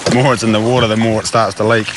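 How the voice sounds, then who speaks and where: A man's voice: lowish voice, level tone, very fast, heavy background noise. Blokey man with broad Kiwi accent. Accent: broad New Zealand. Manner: blokey, slangy. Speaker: survival show presenter. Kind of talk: casual commentary while working outdoors. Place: outdoors in tropical wetlands and on boats.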